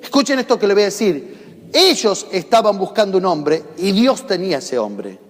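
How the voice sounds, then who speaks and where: A man with a Rioplatense Spanish accent delivers a sermon, pressing his points and calling on the congregation to repeat after him. His voice sits high for a man. It rings out with a long reverb through the church hall. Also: animated, normal speed. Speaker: pastor. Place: church in the United States.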